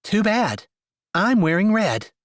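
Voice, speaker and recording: A man's voice: big pitch swings, a little slow, no room sound. A stubborn young ranch woman with a lifted, pushy voice , as a male narrator puts her on. She snaps her lines back sharply and refuses to give ground. The storybook reading has a dry, close sound. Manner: sharp, insistent, higher-pitched delivery.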